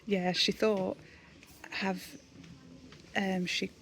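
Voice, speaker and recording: A woman's voice: medium pitch, flat delivery, very slow, fairly bright tone, slight background noise. Chatty woman vlogging on a phone. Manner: chatty, laughs often. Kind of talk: casual vlog to phone camera. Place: hospital corridors, then a car. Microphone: handheld phone.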